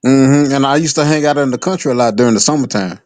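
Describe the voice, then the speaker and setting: A man's voice: mid-range voice, fast talker, darkish tone, dry recording. A man in his forties from Texas, calling into a live talk show, playful and stammering as he chats. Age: 40s. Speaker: caller. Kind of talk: casual chat.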